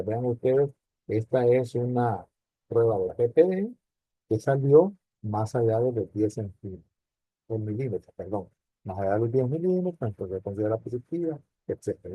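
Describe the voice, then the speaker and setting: Addressing his students with rhetorical questions, a university lecturer explains slide design in a recorded online class. His voice is mid-range and husky, and the audio is dull with no echo.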